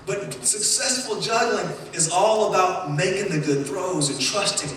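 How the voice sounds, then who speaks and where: A man delivers a sermon with a high, bright voice, his words ringing around a roomy church hall. The mic sits some way off from him. He keeps things playful and animated, joking with the people in front of him. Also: a little slow, far from the mic, slight background noise. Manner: playful, animated, jokes with the congregation. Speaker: pastor. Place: church sanctuary.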